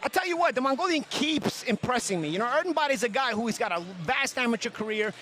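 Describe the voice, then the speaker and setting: Very high-pitched fast male boxing analyst. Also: lively intonation, background noise. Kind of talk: live fight preview commentary.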